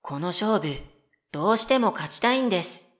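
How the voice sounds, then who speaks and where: In a comedic radio drama, a woman voices a polite, whimsical, stubborn middle-school girl who speaks at her own pace with earnest deadpan delivery. Her mid-range voice moves at normal speed and is only lightly acted.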